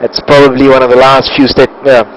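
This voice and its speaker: A man coaching live as a flight simulator instructor, giving short, calm, encouraging step-by-step instructions. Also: mid-range voice, a little fast, low-quality recording. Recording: steady cockpit-like background noise.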